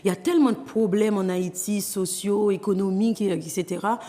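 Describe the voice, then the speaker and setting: A woman's voice: medium pitch, steady tone, fairly quick, dark tone, in a large hall. A Haitian woman in her thirties with a Haitian accent, speaking earnestly and with many hesitations as an author giving an interview. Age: 30s. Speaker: guest author. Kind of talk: interview testimony.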